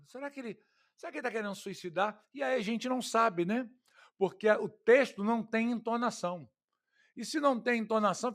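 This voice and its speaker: A man preaches an expository sermon. His voice sits high for a man. He keeps a conversational tone and keeps putting rhetorical questions to the congregation. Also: a bit bright. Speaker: pastor.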